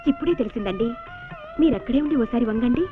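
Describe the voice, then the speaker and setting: An actress playing a quick-tempered young wife who scolds rapidly and dramatically, from an old film. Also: female voice, on the high side, animated, lightly acted. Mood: contrite. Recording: dull old film soundtrack with music.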